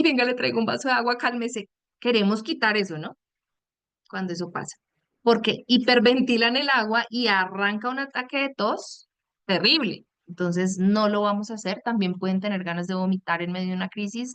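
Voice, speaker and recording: A woman's voice: medium pitch, fairly bright tone, clean tone, no echo. Woman psychologist, webinar lesson, acts out example lines, dry close sound. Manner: affectionate, acts out example phrases, calls listeners "mis amores". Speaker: psychologist and coach giving a webinar. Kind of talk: webinar teaching.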